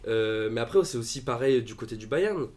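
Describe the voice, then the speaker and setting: A man's voice: medium pitch, animated, a little fast, a little mellow. A man chatting as a football pundit on a live stream, hesitant with many fillers and restarts. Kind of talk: casual live-stream discussion.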